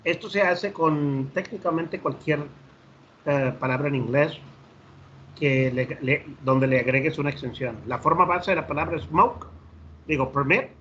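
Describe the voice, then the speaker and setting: Switching between Spanish and English, this Mexican Spanish-accented teacher walks through grammar in an online English class, full of fillers and repeated words. His voice sits on the high side, a bit bright and unhurried, over slightly dull audio with faint noise.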